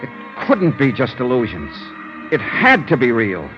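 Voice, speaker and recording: Here a medium-pitched voice with huge pitch swings plays a tough investigator recounting his ordeal, the delivery deliberate, intense, and theatrical. It's grim, dramatic first-person narration in the manner of a 1950s radio drama, captured as a dull vintage recording where music stands out.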